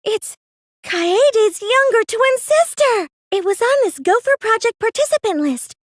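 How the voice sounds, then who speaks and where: In a dry, clean studio recording, a very high-pitched anime teenage girl performs a video game dub with lively intonation at an unhurried pace. She plays a meek, plain cosplayer who is secretly a gleeful mastermind, sounding excited and speculative. When pressed she turns hesitant and stammering, staying earnest and girlish throughout.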